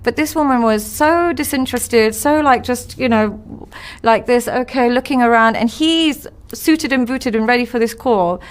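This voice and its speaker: A woman's voice: on the high side, normal speed, few pauses. Blunt, emphatic woman talking relationships. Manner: blunt, emphatic, animated storytelling. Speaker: relationship coach, podcast guest. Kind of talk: conversational podcast interview.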